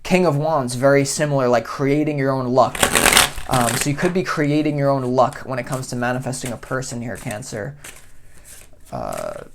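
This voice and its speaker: A tarot reader speaking in a mid-range voice, neither high nor low. They talk loosely to camera, with a goofy edge. The delivery is rambling and chatty, full of asides. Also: very animated, normal speed, noisy background. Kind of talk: casual tarot reading to camera.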